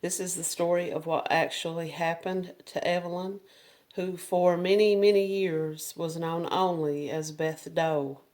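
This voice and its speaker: A woman's voice: on the low side, fairly even intonation, a little slow, a little mellow. A woman hosting a true crime podcast, telling the story in a casual, conversational way with restarts and filler words.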